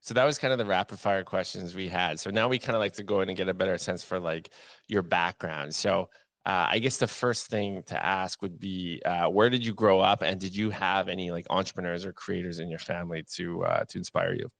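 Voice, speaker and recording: A man's voice: deep voice, fairly even intonation, vocal fry, a bit bright, no echo. A young man hosting a podcast, asking questions in an easygoing, affirming way. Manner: easygoing, affirming, quick "yeah yeah". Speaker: podcast host. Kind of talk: casual interview chat.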